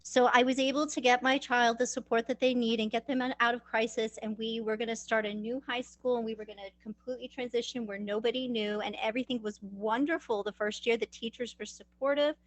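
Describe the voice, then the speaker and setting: A mother telling her story at an advocacy training, emotional and halting, with restarts and pauses. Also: on the high side, fairly even intonation, dry recording, low-quality recording. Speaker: parent giving testimony. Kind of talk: personal testimony at an advocacy training.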